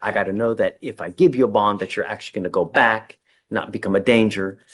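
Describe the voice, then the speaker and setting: A man's voice: lowish voice, fast talker, fairly bright tone, husky. A male judge presiding over a hearing in a courtroom, plain-spoken and conversational, with a joking side.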